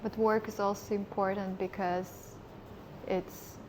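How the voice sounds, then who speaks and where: A woman hosts a casual interview, asking questions and offering frequent encouraging murmurs. Her mid-range voice shows little pitch movement and a slow pace, with background noise behind it.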